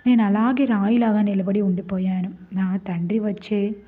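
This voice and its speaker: A woman's voice: mid-range voice, steady tone, moderate pace, slightly rough. A woman narrating a dramatic first-person story, telling it with emotional, tearful-toned delivery. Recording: tinny phone-like lo-fi.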